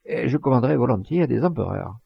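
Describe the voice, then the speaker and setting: Boastful rustic poacher read by a man, gravelly, husky, lively, dry lo-fi audiobook. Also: mid-range voice, fast talker, no echo, heavily acted. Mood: earnest. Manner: earthy, plain-spoken, emphatic. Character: blunt, boastful rustic male poacher-hunter.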